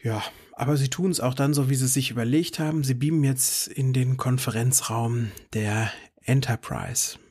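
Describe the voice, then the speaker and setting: A man's voice: medium pitch, fairly even intonation, moderate pace, few pauses, a little mellow, husky. A man co-hosting a podcast, discussing an episode in casual, thoughtful chat with light irony. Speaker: podcast co-host.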